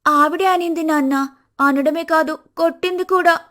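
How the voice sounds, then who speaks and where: A woman voicing a proud, quick-tempered young daughter-in-law in an animated storybook, talking sharply and sarcastically in a raised voice. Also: very high voice, pitched above the performer's own voice. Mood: tearful.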